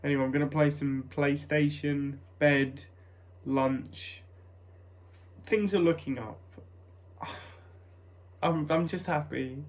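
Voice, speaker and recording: A man's voice: a little high, fairly even intonation, slow, long pauses. A young British man with a nasal voice rambles casually to his vlog viewers, hesitant and self-conscious, often breaking off mid-thought. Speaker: vlogger.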